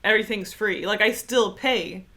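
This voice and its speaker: A woman's voice: mid-range voice, normal speed. Chatty woman podcast co-host. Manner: relaxed, chatty, laughs easily. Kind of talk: casual podcast chat.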